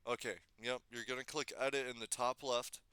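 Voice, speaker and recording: A man giving a casual screen-recorded software tutorial, thinking aloud and correcting himself as he goes, slightly losing his voice. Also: mid-range voice, flat delivery, a little fast, smooth, dry recording. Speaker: tutorial maker.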